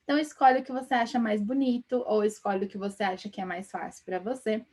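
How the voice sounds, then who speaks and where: A woman's voice: mid-range voice, fairly even intonation, fast, darkish tone. A young woman with an interior São Paulo accent, teaching a chatty live-stream lesson and ending lines with tag questions. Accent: interior São Paulo Portuguese. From Brazil. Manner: chatty, lots of tag questions, laughs often. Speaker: English teacher.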